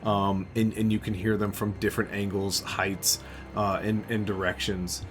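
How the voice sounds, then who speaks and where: A man narrating as game master in a tabletop game, relaxed with many filler words. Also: on the low side, normal speed, over music. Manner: relaxed, full of ums and uhs.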